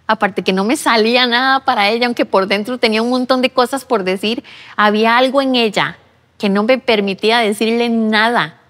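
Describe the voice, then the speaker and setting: A woman's voice: a little high, fairly even intonation, brisk, fairly bright tone. Woman, echoing room. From Costa Rica. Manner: earnest storytelling, re-enacting her own past words. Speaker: interviewee giving a testimony. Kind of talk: personal faith testimony. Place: church interview set. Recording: long reverb of a large room.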